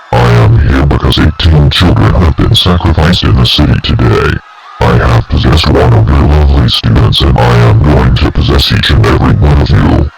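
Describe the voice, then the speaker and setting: A man voicing a menacing male high demon who makes loud, threatening proclamations. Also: creaky, husky, dry recording, full character voice, poor audio.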